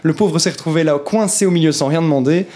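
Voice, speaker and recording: A young man who talks fast in a fairly high voice, reading a political column with playful, showy flourishes. He comes across as a student radio columnist. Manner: quick, theatrical announcer flourishes. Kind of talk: scripted political recap.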